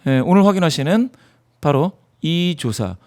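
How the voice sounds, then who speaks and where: A man's voice: on the high side, animated, normal speed, a little mellow. A man in a studio interview, explaining poll data emphatically and asking himself rhetorical questions. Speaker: poll analyst guest.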